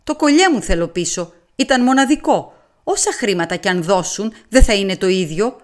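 A woman voicing a vain, wealthy lady who pleads tearfully in a shrill, emotional voice in a storybook reading. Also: animated, lightly acted.

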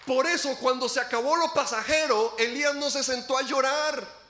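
A man preaching a sermon as pastor, dramatic, acting out laments and swinging widely between loud and soft. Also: steady tone, normal speed, reverberant. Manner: dramatic preaching, acts out quoted laments, sweeping pitch and volume swings.

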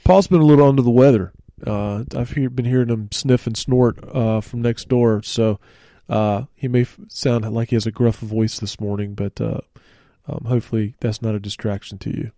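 Relaxed man with a mellow voice. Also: medium pitch, normal speed, no echo. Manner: relaxed, conversational, frequent fillers. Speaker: church ministry host. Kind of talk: casual church podcast teaching. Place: studio.

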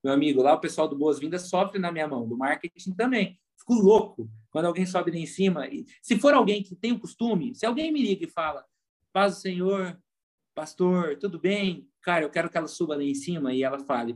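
A man with a Brazilian Portuguese accent, a pastor chatting casually on a podcast and telling lively stories. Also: on the high side, brisk. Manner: animated storyteller, acts out quoted voices.

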